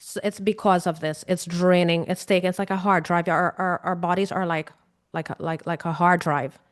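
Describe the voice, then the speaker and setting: An emotional healing coach with a Guyanese accent talks casually and earnestly straight to camera, repeating her points and putting questions to her viewers. Her voice is lowish, with fairly even intonation and a moderate pace.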